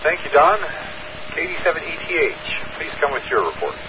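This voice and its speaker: A man's voice: a little high, sing-song, fairly quick. A man running a radio net as net control, taking check-ins in a methodical, procedural way over a radio channel with static. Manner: procedural, methodical call-and-response phrasing. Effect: radio transmission with static. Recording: muffled radio with heavy static.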